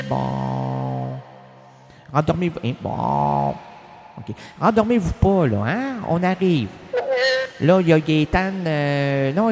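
A man's voice: a little high, in a large hall, a little hiss or hum. A man with a Québécois accent hosting a community radio show, joking in an absurd, playful way with mock ads and scripted readings. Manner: playful, absurd, jumps between silly bits and a reading voice. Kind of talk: zany radio banter and mock classified ads. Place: radio studio.

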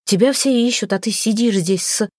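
A jealous, hot-tempered young prince snaps with irritation and scorn, as a woman reads his part in an audiobook. The tone sits low and mellow, with a dry close sound. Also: normal speed, dry recording, natural voice. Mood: irritated.

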